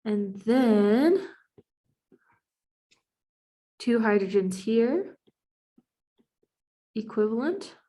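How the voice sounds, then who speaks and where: A woman's voice: a little high, expressive, slow pace, dark tone. A young adult woman who has a cold, giving a recorded class presentation as a chemistry student, explaining steadily with frequent ums.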